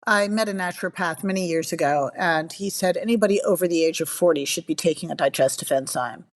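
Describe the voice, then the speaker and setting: A woman's voice: lowish voice, fast. A middle-aged woman from the Bahamas, a nutrition coach talking as a podcast guest in an enthusiastic, chatty, storytelling way. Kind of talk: casual podcast interview.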